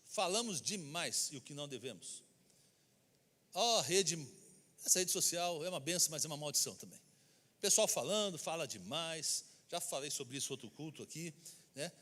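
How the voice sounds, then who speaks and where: With a high, expressive, pushed and bright voice at a moderate pace, a man preaches as pastor in a church sanctuary. He has a Brazilian Portuguese accent and is emphatic, acting out the people he quotes. Long church-hall reverb fills the recording.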